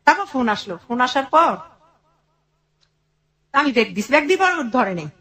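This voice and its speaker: Her high voice swings widely in pitch and has a sharp tone, at normal speed. This middle-aged woman with a Bangladeshi accent is an interview guest telling her life story earnestly and in detail, often quoting dialogue.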